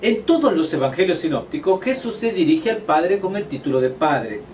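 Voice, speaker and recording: Man giving a slow Bible lecture. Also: on the high side, very animated, darkish tone. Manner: measured explanatory lecturing with frequent "eh" fillers. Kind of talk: teaching a Bible study module. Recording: slightly distant mic with faint room noise.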